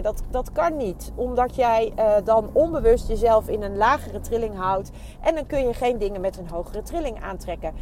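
A woman's voice: a little high, a little mellow, a little hiss or hum. A middle-aged woman hosting a spiritual podcast, talking hesitantly with many fillers and restarts, then guiding a body scan. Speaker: podcast host.

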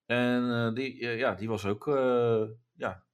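A man in easy podcast conversation, his voice sitting at an ordinary middle pitch. He talks haltingly, restarting sentences and padding them with fillers. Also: steady tone, clear, resonant tone, dull audio. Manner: hesitant, many fillers and restarts. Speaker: podcast host. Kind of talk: casual chat.

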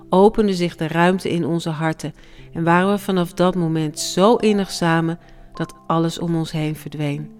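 A grieving parent reading a scripted memoir in a slow, hushed and reflective way, with a smooth, resonant voice over faint music. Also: mid-range voice.

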